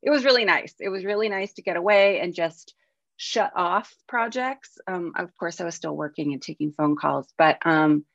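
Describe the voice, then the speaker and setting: A woman's voice: on the low side, fairly bright tone, no echo. A tired woman co-hosting a screenwriting podcast in casual, chatty talk. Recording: dry, slightly dull audio.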